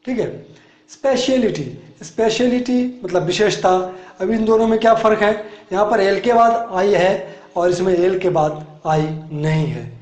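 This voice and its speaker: A man teaching an English lesson in a classroom, explaining words one by one and repeating them slowly. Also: high voice, darkish tone, reverberant.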